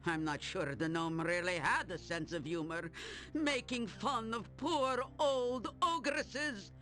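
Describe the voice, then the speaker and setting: A woman's voice: mid-range voice, fairly bright tone. An actress playing a gleeful, menacing old witch in a fantasy game, drawing out her words with mock sweetness. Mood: grudging, smug. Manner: theatrical, drawn-out, mock-sweet cackling delivery. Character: gleeful menacing old witch Baba Yaga, man-eating. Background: game music.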